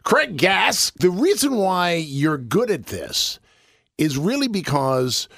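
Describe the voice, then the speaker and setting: A man's voice: high-pitched, sing-song, takes it slowly, vocal fry, a bit bright, dry recording, clean studio sound. A man hosting a talk show, asking short questions of his guest. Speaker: host.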